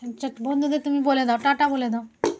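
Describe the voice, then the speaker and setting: A woman's voice: high voice, fairly even intonation, fairly quick, noisy background. A woman at home, patiently coaxing her young child through a spoken lesson and repeating each question.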